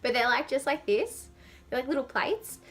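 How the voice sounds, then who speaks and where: A woman's voice: high-pitched, expressive, normal speed, fairly bright tone. A young adult woman chatting casually and informally to camera, with a lisp and whistling s sounds from dental aligners, rambling in a self-deprecating way. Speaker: vlogger.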